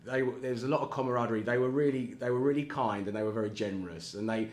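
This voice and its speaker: A man's voice: mid-range voice, very fast. A man in casual chat as a guest, rambling and self-deprecating, often laughing at himself. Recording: echoey room with faint ambience.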